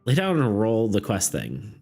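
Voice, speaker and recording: A man's voice: on the low side, huge pitch swings, moderate pace, creaky, dark tone. A man running a tabletop game on a live stream, rambling casually, laughing often and asking his chat for ideas. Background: faint background music.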